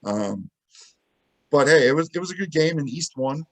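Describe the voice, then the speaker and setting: A man co-hosting a sports podcast, telling game stories in a lively, casual way and acting out what people said. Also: a little high, moderate pace. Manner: animated storytelling, acts out quotes. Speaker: podcast co-host.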